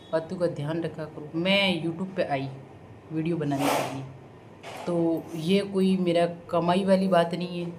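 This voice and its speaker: Woman vlogger, low voice, defiant and sarcastic, home recording with noticeable background noise. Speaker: vlogger answering viewer comments. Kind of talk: casual talking-to-camera vlog.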